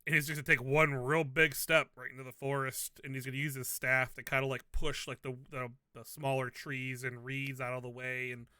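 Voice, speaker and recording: Male player, very bright and crisp tone, dry close sound, easygoing narration. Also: medium pitch, moderate pace, few pauses, no echo. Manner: relaxed, lots of "kinda". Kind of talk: describing his character's actions.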